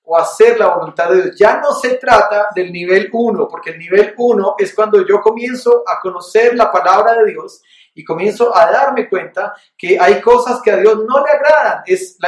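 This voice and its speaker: A man with a high, light voice delivers an earnest sermon, mixing a reflective personal story with slow, emphatic teaching. He sounds set back from the microphone, and the room around him gives his words a clear echo. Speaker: pastor. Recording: echoey room, voice from a distance.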